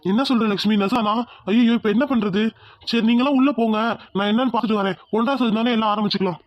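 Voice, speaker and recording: A man's voice: sits high, fast, dry recording, dull audio, lightly acted. A man voicing a grieving elderly village father in a cartoon drama, speaking in a pleading lament. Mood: worried. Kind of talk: Tamil cartoon drama voice acting.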